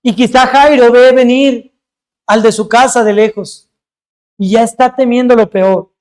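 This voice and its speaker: A man preaching in a fairly high voice, earnest and emphatic as he works through a scripture passage. He stretches out important words and lets his voice fall away at the ends of points. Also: steady tone, a little slow, smooth. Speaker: pastor. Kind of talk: sermon.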